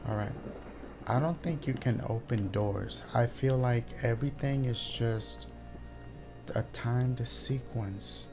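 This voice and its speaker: Creaky-voiced man, nervous horror game streamer. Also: medium pitch, slow, over music. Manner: nervous, scared horror gamer, swearing often. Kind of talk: casual live game commentary, talking to viewers.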